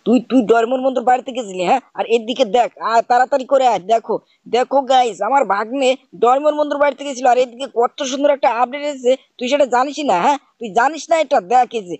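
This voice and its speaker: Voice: sits high, steady tone, quick pace, darkish tone, no echo. A gaming host, doing playful commentary as a scolding uncle, forever asking if he is understood. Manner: scolding, repeats "bujhchhis?". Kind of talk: playful commentary over gameplay, playing the uncle.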